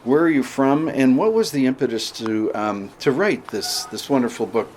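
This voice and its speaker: A male podcast host leads a relaxed conversation from a sauna bench. He circles around his questions with plenty of ums and restarts. Faint background noise sits under the voice. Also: mid-range voice, normal speed. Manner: rambling, warm questions with fillers. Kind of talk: casual interview chat. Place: inside a sauna at an outdoor festival.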